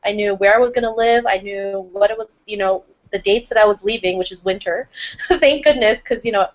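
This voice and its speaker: A woman from Toronto speaks as a guest on a video call, upbeat and motivational as she introduces herself. Her voice sits at an ordinary pitch. The call audio is dull and lo-fi. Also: brisk. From Toronto, Canada. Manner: upbeat, motivational, laughs often. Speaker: panel guest. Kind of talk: casual self-introduction.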